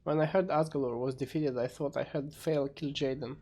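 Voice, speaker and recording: A man's voice: on the high side, steady tone, fairly quick, mellow. A man voicing a fearful, obedient sorcerer servant, deferential and formal, in an amateur fantasy game story.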